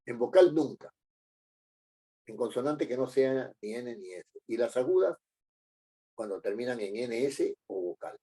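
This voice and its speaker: Hesitant man lecturing, dark husky voice. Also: mid-range voice, expressive, a little slow, long pauses. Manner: hesitant, many fillers and tag questions. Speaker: teacher.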